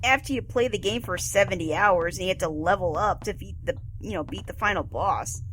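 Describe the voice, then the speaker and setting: A woman's voice: mid-range voice, brisk, a bit bright, a little hiss or hum. A woman chatting as co-commentator on a game playthrough, teasing and laughing a lot.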